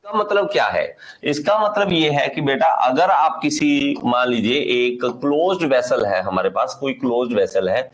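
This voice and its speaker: A man's voice: mid-range voice, low-quality recording. A man with an Indian accent teaching an engineering class, explaining with lots of repetition and questions to the students. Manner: animated explaining, repeats and quizzes the class; slow dictation when reading out a definition. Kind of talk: classroom lecture.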